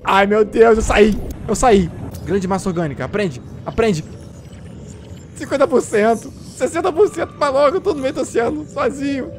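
A man with a Brazilian Portuguese accent giving excited, jumpy gameplay commentary, exclaiming and yelping when scared. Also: very high-pitched, moderate pace, slight background noise. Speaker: gameplay streamer.

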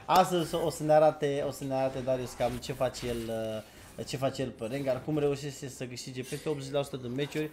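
A man's voice: mid-range voice, fairly even intonation, darkish tone, a little hiss or hum. A man hosting a casual gaming chat, talking loosely with fillers and laughs. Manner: chatty, laughing, filler-heavy. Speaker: streamer host.

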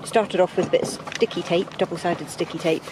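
A woman's voice: lowish voice, steady tone, fairly quick. A middle-aged woman chatting casually about their sailing trip and boat repairs. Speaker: sailing vlogger. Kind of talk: casual travel chat. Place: outdoors on a sailboat. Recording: outdoor recording with loud background noise.

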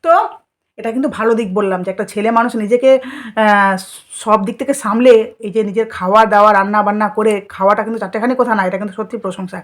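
A woman's voice: mid-range voice, fairly even intonation, very fast. A woman vlogger, delivering scolding, mocking commentary full of rhetorical questions. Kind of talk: commentary vlog.

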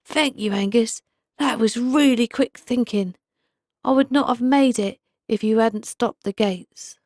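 A woman voicing a wise, kind old male pike in a storybook, speaking in a calm, gentle, reassuring way. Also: on the high side, a little slow, no echo, clean studio sound, pitched above the performer's own voice, natural voice. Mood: warm.

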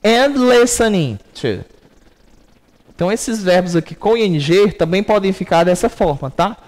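A man's voice: high-pitched, expressive, moderate pace. A man with a Brazilian accent, an English teacher giving a recorded class lesson, explaining step by step and checking in with frequent "ok?".

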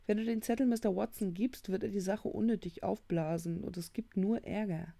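A woman's voice: medium pitch, steady tone, brisk, gravelly, dark tone, no echo. A woman voicing a teenage boy who brushes off worries and defends himself in a storybook reading. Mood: defensive. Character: dismissive teenage boy gamer.

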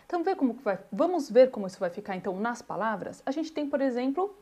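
A woman gives a pronunciation lesson, sounding each example word out slowly and repeating it. Her voice sits a little high, with a soft, mellow tone. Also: big pitch swings. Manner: models words slowly, repeats them. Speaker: German teacher.

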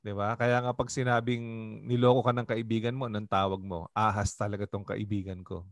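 A man's voice: on the low side, level tone, fairly quick, no echo. A Filipino man, a pastor, leading a Bible study in a conversational way and often asking the group questions. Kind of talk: Bible study teaching in mixed Tagalog and English.

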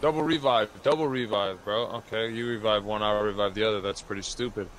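A man's voice: fairly low pitch, brisk. A man chatting casually while gaming, teasing his friends and calling out orders. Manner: teasing, joking, calls out orders. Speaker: gamer in voice chat. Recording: loud background noise over voice chat.

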